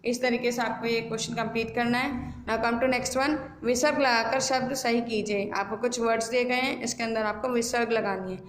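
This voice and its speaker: Lady teacher explaining grammar, spells stuff out slow, slightly high voice, roomy echo. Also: fairly even intonation, slight background noise. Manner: slow, spelled-out explanations mixing English words. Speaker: school teacher. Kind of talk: recorded Hindi grammar lesson. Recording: echoey room.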